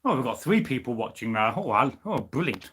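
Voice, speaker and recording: The recording is very noisy: a young man from the United Kingdom who hosts a history channel chats casually on a live stream at home. He sounds very animated and fairly quick in a mid-range voice, rambling with frequent fillers and restarts, picked up by a camera on a tripod.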